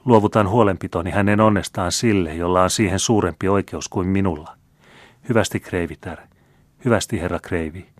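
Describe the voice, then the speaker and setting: Teasing young french marquise, read by a man, playful, deep low voice lifted a little, dry close audiobook sound. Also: no echo. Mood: gracious polite.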